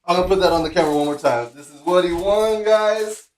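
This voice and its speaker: High-voiced man calling a giveaway race. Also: fast talker, low-quality recording. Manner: upbeat announcer calls, laughs often. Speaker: podcast host. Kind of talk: casual podcast chat, announcing a giveaway race.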